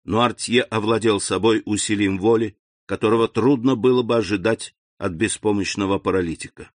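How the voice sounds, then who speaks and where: A man narrating a classic novel as an audiobook in a measured, even manner. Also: lowish voice, no room sound, clean studio sound. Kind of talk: audiobook reading.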